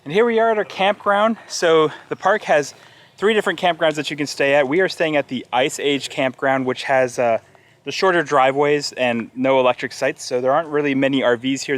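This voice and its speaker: A young adult American man hosts a casual vlog outdoors. His voice sits a little high for a man, and he explains things in a chatty, easygoing style. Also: normal speed. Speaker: vlog host. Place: outdoors on park trails and at a campground.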